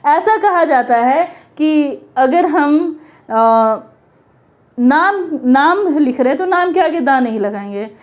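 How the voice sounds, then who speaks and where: Woman, high voice, grammar lesson, spells out sounds slowly, slightly muffled lo-fi recording. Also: expressive. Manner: explains step by step, sounds out letters slowly. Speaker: English teacher.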